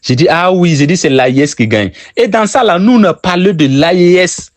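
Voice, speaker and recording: A man's voice: sits high, brisk, dry recording. A man from Burkina Faso with a Burkinabè French accent, teaching sales techniques and repeating his key phrases for emphasis. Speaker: sales trainer.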